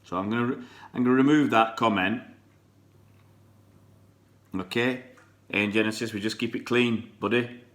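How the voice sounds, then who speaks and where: A middle-aged man, born in Pakistan and raised in England, runs a fan channel live stream, chatting casually, greeting viewers by name and rambling between comments. His voice is medium-pitched, steady and a bit bright, at normal speed with long pauses.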